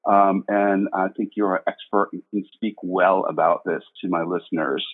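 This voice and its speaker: A man hosting a podcast interview, friendly and quick to laugh, on a casual call. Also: low voice, steady tone. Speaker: podcast host. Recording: tinny phone-like line.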